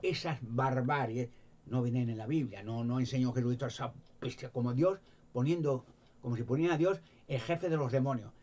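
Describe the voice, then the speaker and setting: A lay preacher with a Spain Spanish accent speaks in a mid-range, slightly mellow voice at a somewhat quick pace. He preaches informally, retelling Bible stories in a rambling, repetitive manner full of stammered restarts. The recording sounds a bit dull, with faint noise in the background.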